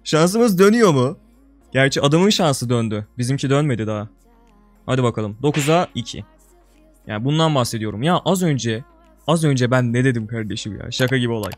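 A young man giving casual gameplay commentary as a video creator. He talks to viewers like a buddy in slang and swings from loud outbursts to low mutters. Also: expressive, a little fast, soft background music.

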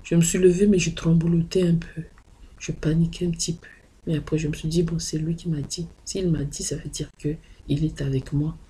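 A woman with a fairly low voice tells her own testimony in a halting way. She often restarts and repeats words mid-sentence. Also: little pitch movement, dark tone, breathy edge. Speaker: person giving a testimony. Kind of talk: spoken personal testimony.

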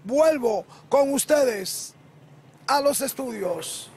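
High-voiced Dominican man reporting outdoors. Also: lively intonation, darkish tone, slight background noise. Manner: measured formal delivery. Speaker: field reporter. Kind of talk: news field report. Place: outdoors on a town street. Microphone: handheld mic.

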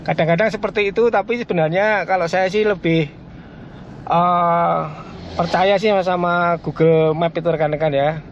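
A man's voice: high voice, steady tone, moderate pace. A man giving casual commentary while driving a car, chatting to his viewers as he goes. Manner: chatty, keeps addressing viewers as colleagues. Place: inside a moving car. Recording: slightly muffled, faint road noise.

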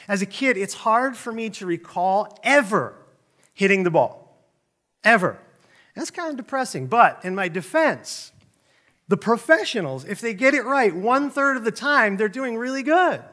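A man's voice: high voice, sharp tone. A middle-aged man, a lead pastor, opening a sermon with jokey, self-deprecating stories and acted-out voices. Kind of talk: sermon with humorous storytelling.

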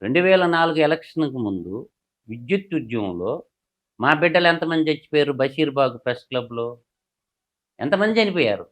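A man's voice: fairly high pitch, animated, brisk, pauses often. A man, speaking as a political analyst. He delivers heated commentary in a combative way, firing off one rhetorical question after another.

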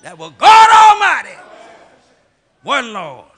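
A middle-aged man preaching a call-and-response sermon as bishop, chanting short phrases that rise to shouts. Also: extremely high pitch, wildly swooping pitch, slow. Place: large church sanctuary with congregation. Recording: music and crowd noise from a church service.

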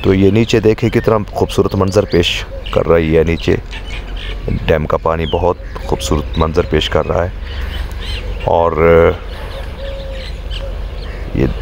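A man narrating a walking-tour travel vlog outdoors from a chairlift, with leisurely, admiring commentary and filler pauses. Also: sits low, flat delivery, gravelly, background noise. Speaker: travel vlogger. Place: outdoors on a chairlift over a lake.

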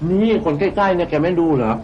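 A teasing young manservant, with a slightly high voice and a joking, playful delivery. The sound is a bit dull, with faint noise behind him. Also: male voice, animated, fast talker, darkish tone. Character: joking young male house servant. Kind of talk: TV drama acting.

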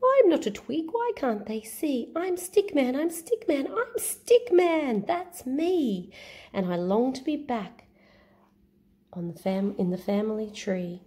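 A woman's voice: high voice, very animated, slow pace, warm tone, voice pushed up, full character voice. A woman voicing a cheerful little male stick figure in a storybook, chanting his refrain in a sing-song way. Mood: insistent.

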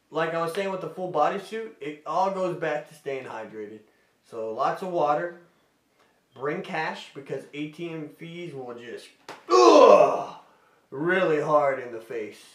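Here the man has a mid-range, slightly bright voice picked up by a distant mic, giving a roomy, off-mic sound. He answers fan questions in a casual vlog, friendly and rambling, often stopping partway through a thought.

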